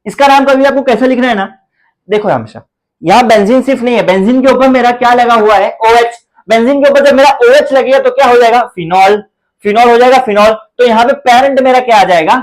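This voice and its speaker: A man's voice: extremely high pitch, fairly quick, poor audio. A man with an Indian accent teaching a chemistry lecture, repeating his questions, answering them himself and counting aloud in a playful chant. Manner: repetitive, asks students questions and answers them. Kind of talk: classroom lecture.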